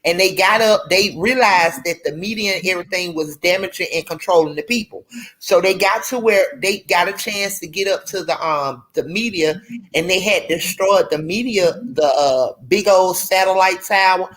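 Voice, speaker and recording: A woman's voice: on the low side, moderate pace, a bit bright, low-quality recording. Rambling woman hosting a livestream. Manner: rambling, addresses viewers as y'all. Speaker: livestream host. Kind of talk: casual livestream chat.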